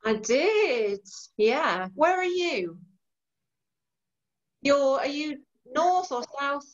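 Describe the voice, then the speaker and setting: Her voice is high and sing-song, and she speaks extremely slowly: an author in her forties from East Yorkshire, England, with a Yorkshire-Irish accent. She chats enthusiastically and laughs easily in a casual interview over a video call from a home room lined with books, captured in dull lo-fi audio.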